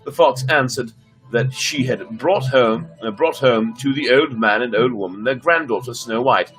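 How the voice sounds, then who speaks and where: In a rough recording with music in the background, a man reads stories aloud on a casual livestream, performing theatrically and bantering playfully with viewers as a storyteller streamer. His mid-range voice has a fairly bright tone and a moderate pace.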